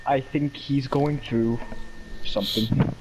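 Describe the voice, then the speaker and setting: A man's voice: medium pitch, fairly even intonation, slow pace, darkish tone. A man in casual gaming voice chat, exasperated and scolding his friends. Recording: noisy online voice chat.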